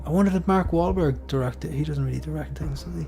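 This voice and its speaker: A man taking part in a quiz, chatting casually and reasoning out loud in a rambling way. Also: on the high side, fast, creaky. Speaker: quiz contestant. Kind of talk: casual chat, thinking out loud. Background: faint music.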